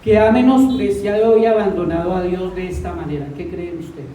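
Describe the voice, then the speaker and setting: A woman preaching a sermon, often putting questions to the congregation and stressing words slowly. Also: fairly low pitch, mellow, slight background noise. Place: church hall. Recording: distant mic in an echoey church hall.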